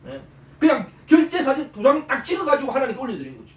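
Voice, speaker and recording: A male pastor preaching a sermon, animated, throwing out rhetorical questions and prompting the listeners. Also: very high voice, fast talker. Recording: roomy, from far off the mic.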